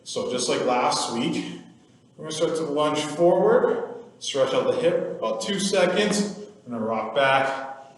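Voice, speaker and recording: A man leading a guided movement workout, calmly counting reps and cueing stretches with the odd joking aside. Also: a little high, a little slow. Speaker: fitness instructor. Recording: echoey room from far off with faint ambience.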